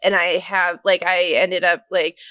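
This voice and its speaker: A woman's voice: on the low side, little pitch movement, unhurried, pushed and bright, no echo, highs cut off. A young woman with a Massachusetts accent, rambling in casual podcast chat and filling her speech with "like". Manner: rambling, heavy on "like". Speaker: podcast co-host.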